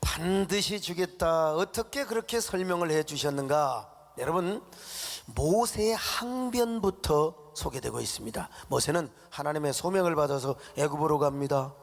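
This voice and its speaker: A man's voice: on the high side, lively intonation, normal speed. A male pastor preaching an emphatic, dramatic sermon in a church. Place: church sanctuary. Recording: long church reverb.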